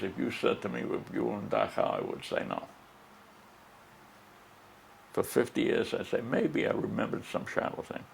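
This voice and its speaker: Gravelly old veteran man remembering, lively pitch. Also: slight background noise. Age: older, over 70. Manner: old veteran remembering, halting and emotional storytelling with quoted dialogue. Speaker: war veteran giving testimony. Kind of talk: oral history testimony, recollection.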